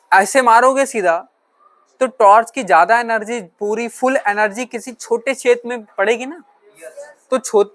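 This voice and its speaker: A man's voice: high-pitched, a bit bright. Male teacher, classroom lecture, keeps asking questions and answering them, mixes in English terms, checks understanding. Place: classroom with students.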